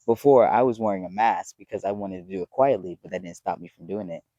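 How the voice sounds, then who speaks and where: A young man in his twenties with a low, mellow voice gives a loose, heartfelt pep talk straight to his viewers. He rambles and swears freely, earnest throughout. The sound is close and dry with no room around it. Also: fast talker, no room sound, lo-fi sound. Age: 20s. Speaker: vlogger. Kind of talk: casual motivational talk to camera.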